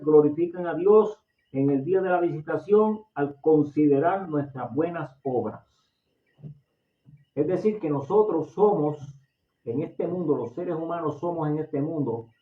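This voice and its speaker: Male preacher, Puerto Rican accent, slightly high voice, passionate sermon delivery, echoey room. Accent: Puerto Rican Spanish. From Puerto Rico. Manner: impassioned, repeats and restarts phrases. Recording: echoey, distant, phone-like audio.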